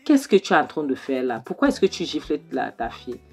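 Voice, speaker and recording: A woman's voice: deep voice, very animated, fairly quick, darkish tone, husky, faint music behind, heavily acted. A woman voicing a worried middle-aged mother who comforts her daughter and questions her husband. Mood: concerned.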